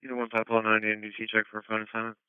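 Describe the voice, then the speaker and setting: A male police dispatcher reading clipped call signs over a police radio channel in a rapid monotone. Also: lowish voice, smooth, dry recording. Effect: police radio transmission. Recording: tinny dry radio channel.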